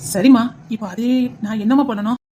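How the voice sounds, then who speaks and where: A woman playing a quick, calm male politician. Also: a little high, slight background noise, close to an everyday voice. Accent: Tirunelveli Tamil. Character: calm middle-aged male politician, sympathetic.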